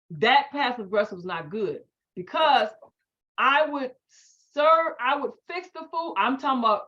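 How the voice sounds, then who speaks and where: A middle-aged woman, telling an animated, emphatic story to a group. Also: on the high side. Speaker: speaker. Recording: dull lo-fi audio.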